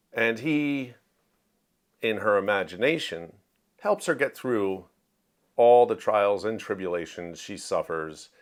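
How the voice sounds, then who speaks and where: A book reviewer and writer chats casually through his monthly reading wrap-up, enthusiastic and explanatory about the books he read this month. His voice is lowish and a touch bright.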